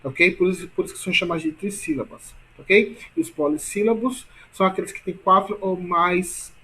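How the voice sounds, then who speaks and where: This man's voice is high-pitched and sharp as he runs an online grammar lesson from his computer. He's patient but repetitive and filler-heavy, tossing in tag questions and drawing key words out slowly to stress them.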